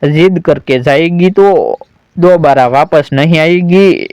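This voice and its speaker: A man's voice: on the high side, slow, darkish tone, smooth, no room sound. A man reading a stern, bossy mother-in-law. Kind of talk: storybook narration.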